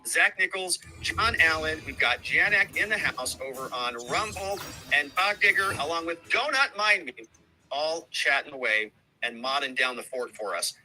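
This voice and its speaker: A middle-aged man hosts a casual livestream with a very bright, forceful voice. He rambles in a friendly way, reads out viewers' names and thanks them. A faint hiss runs under the voice. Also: fairly high pitch, animated, normal speed, low-quality recording. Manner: chatty, thanks viewers by name, many asides. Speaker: livestream host.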